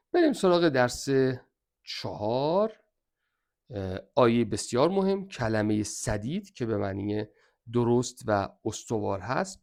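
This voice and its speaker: A man's voice: medium pitch, a little mellow. A man with an Iranian Persian accent teaching an exam review lesson, emphatically repeating which points are very important.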